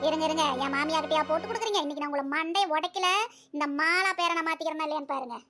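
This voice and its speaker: A woman's voice: high-pitched, rapid-fire, over loud music, natural voice. Mala, a woman doing a sly young cartoon bride. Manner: politely deferential on the surface, spiteful underneath. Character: young newly married daughter-in-law, sly and polite. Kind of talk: cartoon voice acting.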